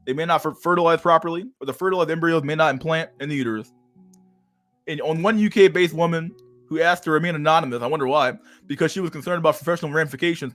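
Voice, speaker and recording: A man in his thirties with a fairly high, somewhat bright voice reads an article aloud on a livestream, then breaks off into crude, mocking rants with frequent laughter. The casual commentary has no echo.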